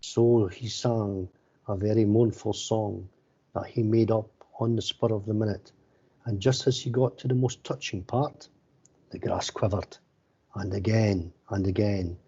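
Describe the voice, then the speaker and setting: A man narrates a bedtime story, reading aloud stiffly in a fairly low, flat voice. The tone is a little husky, and the recording sounds slightly dull. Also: a little slow.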